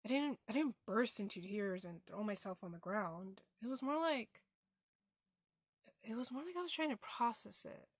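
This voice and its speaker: Halting young woman in a monologue. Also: a little high, expressive, husky, no room sound, clean studio sound. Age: young adult. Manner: halting, reflective, with restarts. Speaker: theatre student. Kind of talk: performed monologue.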